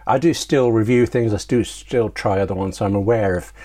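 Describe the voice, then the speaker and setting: A British man from the United Kingdom chats casually as an interview guest, a talkative writer who keeps interrupting himself while telling anecdotes. His voice is fairly low and warm, and he speaks briskly.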